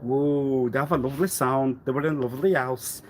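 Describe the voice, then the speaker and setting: A man rambling through a live stream monologue, swinging between loud outbursts and low muttering, often laughing and clearing his throat. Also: steady tone, fairly quick, slight background noise. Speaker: livestreamer.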